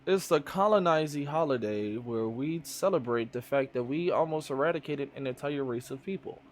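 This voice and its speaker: A man from Chicago hosting a live stream, chatting casually in a loose, profane, animated way. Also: medium pitch, moderate pace. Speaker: streamer host. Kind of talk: casual chat.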